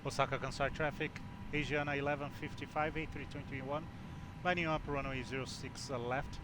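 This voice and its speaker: A man playing a flight simulator, making pilot radio calls in aviation phraseology, halting with frequent fillers between phrases. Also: medium pitch. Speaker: flight simulator pilot on online air traffic network. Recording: steady background noise.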